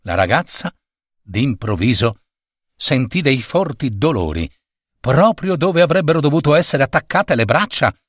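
A man narrating a fairy tale expressively, with pauses and rising emphasis. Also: medium pitch, very animated, no echo, studio quality. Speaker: storyteller.

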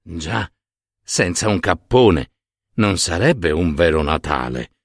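A man's voice: low voice, expressive, takes it slowly, gravelly, dry recording, studio quality, pitched below the performer's own voice, exaggerated voice. A man voicing a humble, good-hearted old shoemaker in a storybook tale, speaking plainly with a grumble. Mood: homely.

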